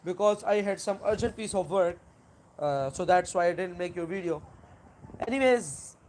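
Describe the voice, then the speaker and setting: Halting Pakistani-accented live streamer, emphatic in bursts. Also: mid-range voice, darkish tone, slight background noise. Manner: halting, repetitive, with searching pauses and emphatic bursts. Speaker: live stream host replying to a viewer. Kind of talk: unscripted religious argument to viewers.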